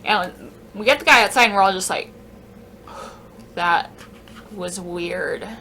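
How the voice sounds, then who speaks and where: A woman telling a casual, animated story on a vlog, swearing freely. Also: medium pitch, measured pace, a little hiss or hum. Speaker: vlogger.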